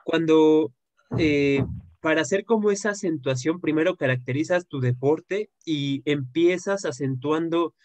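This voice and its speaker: A man's voice: a little high, a little slow, darkish tone, dry recording. A man, a seminar attendee, asking the instructor a question in a polite, tentative way.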